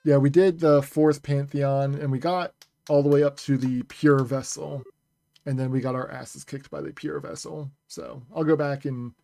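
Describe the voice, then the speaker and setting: A man's voice: medium pitch, gravelly, dark tone, dry recording. A man streaming a video game, chatting casually with viewers over a headset. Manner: chatty, talks to chat while playing. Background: game music.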